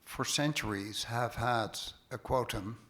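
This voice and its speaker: A Dutch-accented panelist from the Netherlands talks a little slowly in a mid-range, somewhat bright voice from a conference stage. He's emphatic and sarcastic, slipping in ironic mock quotations.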